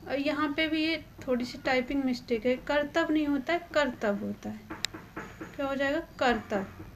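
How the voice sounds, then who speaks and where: A woman's voice: sits high, normal speed, slight background noise. A woman teaching a grammar lesson for exam students. She asks a question and then answers it herself, and she points out which words matter for the exam. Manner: stresses the exam-important words.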